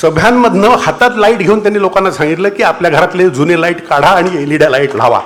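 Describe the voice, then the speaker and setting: Male doctor, Marathi accent, formal and measured public speaker, slightly high pitch. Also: a bit bright. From India. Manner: measured, formal address with some hesitations. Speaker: doctor addressing a political meeting.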